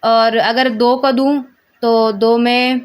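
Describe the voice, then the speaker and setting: A young woman teaching a casual lesson, reading English notes slowly and then explaining each point quickly in Hindi. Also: a little high, little pitch movement, clean tone. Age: young adult. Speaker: law student teaching.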